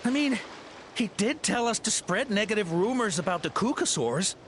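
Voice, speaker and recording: A man with a high, slightly bright voice and big pitch swings, at a moderate pace, plays a cowardly henchman in a video game. Nervous and deferential, he hesitates and stammers while trying to appease, with game music behind him and slight background noise.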